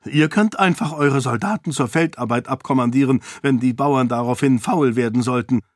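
A man's voice: medium pitch, normal speed, no echo, studio quality, natural voice. A man voicing an embittered, defensive lord who snaps and complains. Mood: snappish. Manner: snappish, complaining. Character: embittered, defensive lord anxious about his lands.

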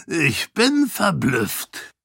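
A man voicing a portly, blunt, booming count in an audiobook, talking slowly and blusteringly. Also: huge pitch swings, gravelly, sharp tone, slightly rough, no room sound, studio quality, full character voice. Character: portly boisterous male count, blunt glutton. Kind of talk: audiobook character voice.

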